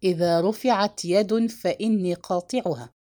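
A woman's voice: medium pitch, moderate pace, warm tone, lightly acted. A woman reading the lines of a stern older male patriarch who barks short, commanding orders. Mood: stern, angry. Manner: gruff commanding outbursts.

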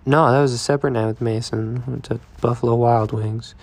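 A young man rambling slowly through a casual video diary in a stoned drawl. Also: medium pitch, fairly even intonation, a little mellow. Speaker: vlogger.

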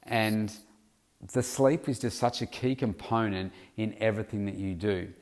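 A man's voice: fairly low pitch, moderate pace, darkish tone. A middle-aged man hosting his own podcast, talking casually on his own with lots of fillers and restarts, and he has the hiccups. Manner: rambling, with many fillers and restarts. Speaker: podcast host. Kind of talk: casual solo monologue.

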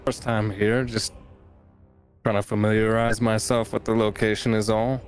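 A man playing his character in a tabletop game, speaking hesitantly with many pauses. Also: on the low side, flat delivery, soft background music. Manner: hesitant, halting speech. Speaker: player.

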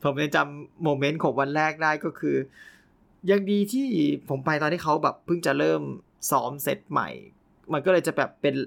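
A young man hosting a casual storytelling podcast, animated and often laughing. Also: fairly high pitch, normal speed, vocal fry. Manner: animated, laughing, playful exclamations. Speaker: podcast host.

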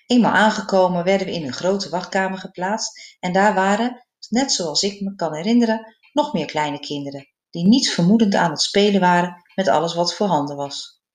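A speaker in their sixties reading a personal childhood memory aloud, with wry, gently humorous storytelling. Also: mid-range voice, reverberant. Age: 60s. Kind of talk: read personal memoir narration.

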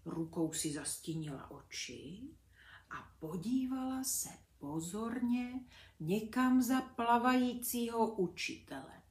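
Expressive woman reading to children. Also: a little high. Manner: lively, expressive. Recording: roomy echo.

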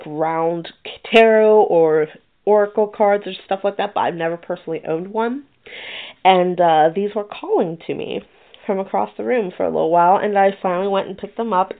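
A woman hosting a podcast, chatting casually and rambling with many restarts. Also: mid-range voice. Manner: rambling, with frequent restarts and fillers. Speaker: podcast host. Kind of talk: casual chat. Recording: tinny phone-like sound.

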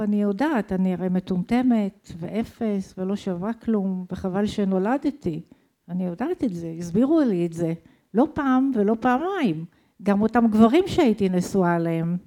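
A middle-aged Israeli woman tells her own life story dramatically, intensely and emotionally, posing questions to herself along the way. Her voice is slightly high and mellow.

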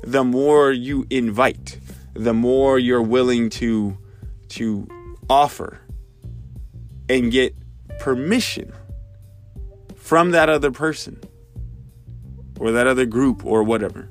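Speaking slowly and pausing often in a mid-range voice, a congested thirtysomething man hosts a podcast, casually reflecting out loud and repeatedly restarting amid many fillers. Faint music plays behind him.

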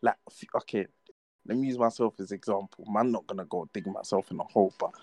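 A man's voice: fairly low pitch, fast, dry recording. A young man with a London accent, telling stories and bantering casually in urban street slang as a podcast co-host. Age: young adult. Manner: slangy, animated street talk.

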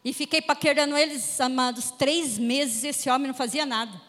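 A Brazilian woman preacher telling a funny personal testimony in an animated storytelling manner. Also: high-pitched, moderate pace, in a large hall. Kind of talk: humorous sermon testimony.

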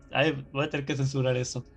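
Rambling man, slightly high voice. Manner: joking, rambling explainer. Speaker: podcast co-host. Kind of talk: casual chat.

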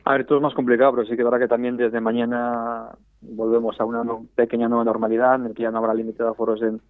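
A man's voice: medium pitch, monotone, quick pace, no echo. Man talking over a tinny landline phone. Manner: hesitant, often repeats and restarts words. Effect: heard over a landline phone. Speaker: supporters' club federation president, phone guest. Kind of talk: radio phone interview. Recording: tinny, dry phone line.

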